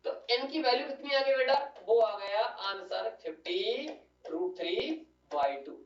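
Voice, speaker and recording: A man's voice: high-pitched, unhurried. Man teaching physics in an echoey room. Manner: coaxing, calls students "beta" and keeps asking "clear?". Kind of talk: classroom lecture. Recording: echoey room, distant lo-fi mic.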